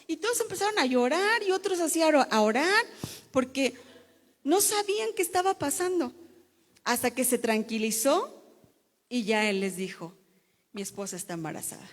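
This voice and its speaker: A woman's voice: high-pitched, animated, normal speed, long pauses, in a large hall. A woman giving an emotional church testimony as a pastor's wife, telling her story with repetitions and restarts.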